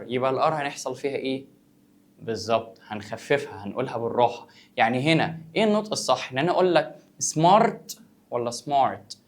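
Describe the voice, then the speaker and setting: Male teacher, Egyptian Arabic accent, brisk classroom explainer. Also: medium pitch. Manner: quick, conversational, asks and answers his own questions. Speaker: English teacher. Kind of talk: vocabulary lesson for students.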